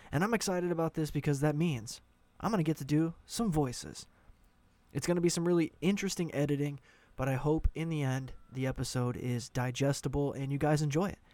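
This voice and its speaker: A man's voice: a little high, darkish tone, no echo. A man hosting a horror story podcast, delivering scripted introductions and narration. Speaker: podcast host.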